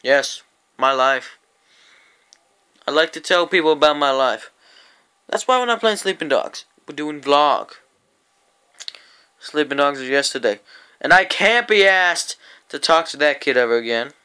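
A man's voice: a little high, animated, unhurried, pauses often, sharp tone, clear, resonant tone. A man telling a rambling, profane story-time tale to his vlog audience, often breaking into laughter. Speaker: vlogger.

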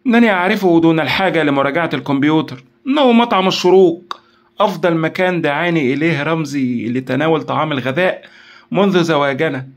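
A man playing an excitable young wife in an audio drama, speaking sharply and eagerly. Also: on the high side, fast, pitched above the performer's own voice, close to an everyday voice. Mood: excited. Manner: agitated, eager.

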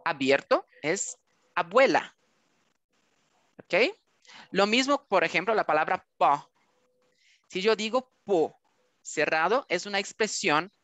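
A Brazilian woman teaching an online language lesson with a Brazilian Portuguese accent, slowly demonstrating sounds letter by letter and often checking in. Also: fairly low pitch, a bit bright, dry recording. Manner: slow, drawn-out letter-by-letter demonstrations with frequent checking "Ok?".

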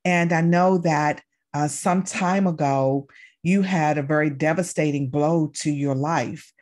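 A woman's voice: low voice, fairly even intonation, unhurried, a little mellow. A woman hosting a talk show, interviewing a guest and affirming her often. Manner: encouraging, frequent affirming mm-hmms.

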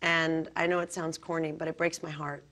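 A hoarse actress being interviewed, talking earnestly and animatedly, with frequent ums as she tells her stories. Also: deep voice, flat delivery, moderate pace, fairly bright tone. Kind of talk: casual interview talk.

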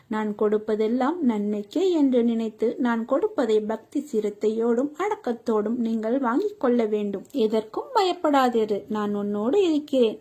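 A woman reading a scripted devotional message in a slow, soothing way, speaking as a deity who reassures a devotee. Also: on the high side, warm tone.

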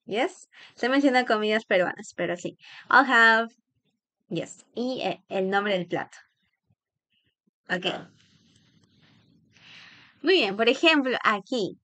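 A woman teaching English phrases in a bilingual lesson, repeating each phrase and warmly praising the learner. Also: a little high, expressive, slow pace, long pauses, dry recording.

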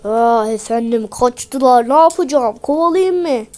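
A woman's voice: fairly high pitch, lively intonation, a little slow, mellow, pitched below the performer's own voice. A woman voicing a huge, hostile male ice golem who snarls threats and insults in a game video. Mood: uncertain.

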